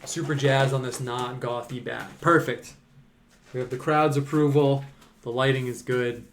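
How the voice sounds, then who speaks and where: A relaxed man talking through a live painting stream, his voice gravelly with plenty of vocal fry. He rambles in a loose, easygoing way, piling on "like"s as he works. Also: mid-range voice, moderate pace, slight background noise. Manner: rambling, relaxed, many "like"s and fillers. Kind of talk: casual live-stream chat while painting.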